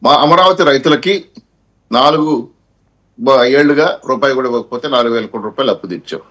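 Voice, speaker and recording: A male panelist with a husky, mid-pitched voice and a steady delivery. He argues his point by reeling off long lists of figures. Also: a little fast. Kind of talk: political debate argument.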